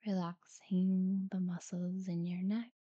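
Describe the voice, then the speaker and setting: Woman, soft whispery relaxation guide, soothing, mellow dark tone, even unhurried delivery. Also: fairly low pitch, no echo, dull audio. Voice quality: soft, breathy, near-whispered. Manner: soothing, unhurried, with long pauses between short phrases. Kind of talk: guided sleep meditation talkdown.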